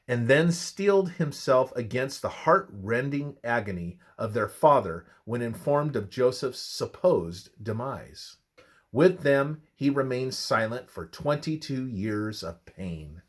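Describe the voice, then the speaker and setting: A man with a medium-pitched voice reads a scripted religious study that cites scripture. His delivery is measured, expressive, and oratorical.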